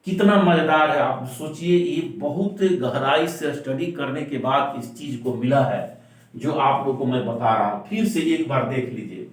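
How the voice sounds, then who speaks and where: A man teaching a lesson, repeating key points and asking and answering his own questions, heard from a distance in a very echoey room. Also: mid-range voice. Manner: stresses words by repeating them slowly. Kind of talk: classroom-style explanation.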